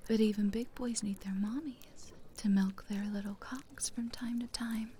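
A woman speaking in a soft, coaxing, teasing whisper close to the mic, as in an intimate audio roleplay. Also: a little high, steady tone, a little slow.

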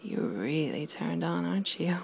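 A woman in an intimate audio roleplay, speaking in a commanding, teasing way, often dropping to a whisper, and counting down slowly. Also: lowish voice, lively intonation, creaky, darkish tone, a little hiss or hum. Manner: slow counting down.

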